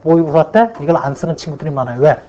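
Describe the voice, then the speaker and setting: A man with a rather high, mellow voice and lively intonation lectures an accounting class, posing questions to students and answering them himself while drawing out the key points. The lo-fi classroom recording sounds dull and carries a little hiss or hum.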